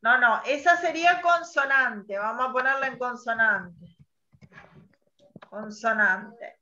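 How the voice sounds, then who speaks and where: A woman teacher leading an online class, patiently quizzing students and spelling out sounds slowly. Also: a little high, sharp tone. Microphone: video call. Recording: muffled online call audio.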